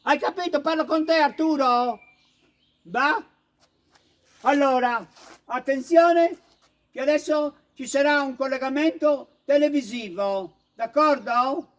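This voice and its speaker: A man's voice: very high-pitched, takes it slowly. A man playing a fussy woman teacher of a comic dialect class, with a bossy way of checking in with her pupils. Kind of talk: comic sketch.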